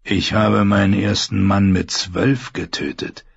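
Brutal scarred warrior, low husky growl, read by a male narrator, dull dry sound. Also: flat delivery, measured pace, dry recording, full character voice. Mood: menacing. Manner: gruff, scornful, growling. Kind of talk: audiobook character voice.

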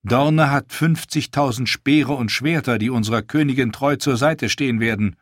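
A man's voice: medium pitch, moderate pace, no echo, voice pushed up, close to an everyday voice. An earnest young prince, formal and a little stiff, voiced by a male reader. He sounds much like the narrator himself, and the recording is dry and close.

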